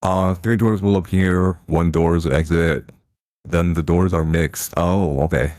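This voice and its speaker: A man's voice pushed very low by a pitch-shifting voice changer, which gives it a heavy, processed depth. He chats loosely and reacts aloud as he plays, with the sound dry and close. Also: steady tone, slow, a little mellow, no room sound. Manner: chatty, reacts aloud to the game. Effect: deep pitch-shifting voice changer. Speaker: live streamer. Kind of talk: casual gameplay commentary.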